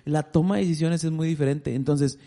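Casting: man, animated storyteller, warm low-key tone, casual faith talk. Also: a little fast. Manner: animated storyteller, acts out quotes.

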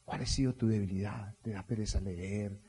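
A man's voice: on the low side, fairly even intonation, normal speed, warm tone, slight background noise. A middle-aged Colombian man preaching a rousing sermon as pastor, calling for responses from the congregation. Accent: Colombian Spanish. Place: church hall. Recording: long reverb of a church hall.

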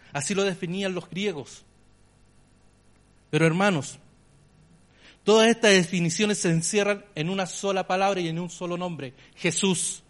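A male pastor with a Chilean accent delivers an impassioned sermon. His voice sits a little high for a man, and he swings from loud, stressed phrases to hushed, intimate ones.

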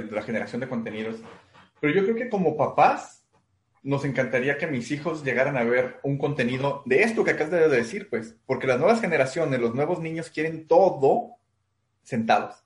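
A man's voice: mid-range voice, lively intonation, a little fast. Man host in roomy room. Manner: friendly, teasing, chatty. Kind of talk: casual interview chat.

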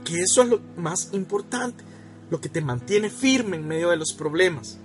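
High-voiced man preaching a sermon. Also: expressive, normal speed, faint music behind. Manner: addresses listeners directly, repeats phrases for emphasis; calls for amen from the congregation.

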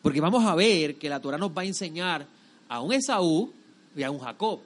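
A man with a high-pitched voice delivers a religious lesson to a group. He teaches emphatically, repeating key phrases for weight and checking in with short rhetorical questions. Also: expressive, normal speed.

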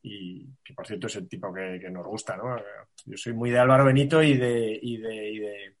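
A man's voice: fairly low pitch, steady tone, moderate pace. A man with a Spain accent chatting as a panelist, hesitantly repeating words as he builds a thought. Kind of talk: casual panel chat.

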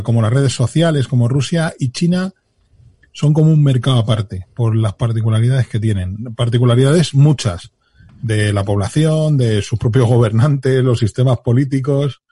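A man's voice: mid-range voice, normal speed, dark tone, slightly rough, dry recording. A man with a Castilian Spanish accent chatting casually and colloquially as a podcast co-host, with some mild swearing. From Spain. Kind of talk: casual group chat.

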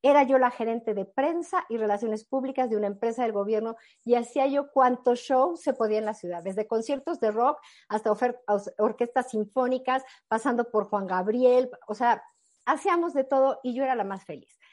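A woman giving a motivational talk, telling a personal story in an animated, earnest and emphatic way. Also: on the high side, moderate pace. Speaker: motivational speaker.

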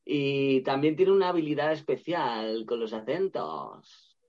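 A man's voice: medium pitch, animated, a little slow, darkish tone, lo-fi sound. A man hosting a casual chat, introducing his guest with hesitant fillers. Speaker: host.

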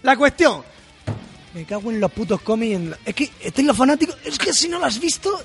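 Fast-talking, grumbling man. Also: extremely high pitch, expressive, fairly bright tone, soft background music. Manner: quick, grumbling, profane. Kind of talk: casual chat.

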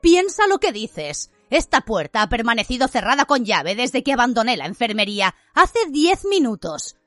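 A woman reading aloud voices a calm, kindly old male headmaster wizard who speaks with gentle reason. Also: a little high, moderate pace, no room sound, clean studio sound, soft background music.

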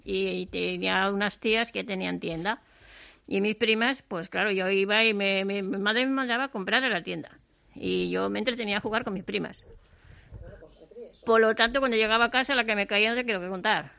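Woman guest on a radio chat, bright and a bit gravelly, tells it straight. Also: medium pitch, fairly quick. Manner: candid personal storytelling.

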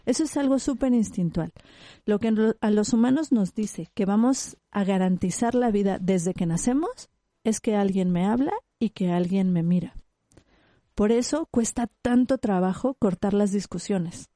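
A woman's voice: mid-range voice, moderate pace, no room sound, studio quality. A woman, a specialist guest explaining her topic and acting out short examples as she talks. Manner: animated, explains with acted-out examples. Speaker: psychologist guest. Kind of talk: conversational expert interview.

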